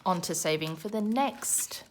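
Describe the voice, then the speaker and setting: A woman's voice: lowish voice, animated, a little slow, slight background noise. An Australian woman in her thirties chatting casually in a budgeting vlog, counting cash aloud with self-deprecating humour. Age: 30s. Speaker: budgeting vlogger.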